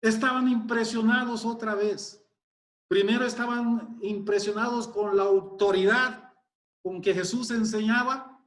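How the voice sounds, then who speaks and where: A man preaching a sermon, explaining scripture in a deliberate, emphatic way and exclaiming in wonder. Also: sits high, reverberant.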